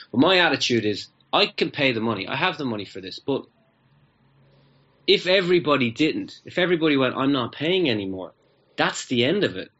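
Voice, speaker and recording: Man telling a story, muffled. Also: medium pitch. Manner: animated, acts out both sides of dialogues. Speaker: guest. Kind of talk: casual anecdotal storytelling. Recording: muffled lo-fi audio.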